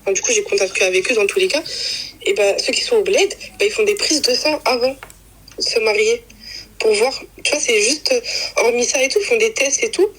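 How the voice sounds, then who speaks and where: A woman's voice: fairly high pitch, a little fast, a bit bright, slightly rough, low-quality recording. A young woman casually telling a personal story, rambling with fillers and acting out quoted lines. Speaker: guest telling her story.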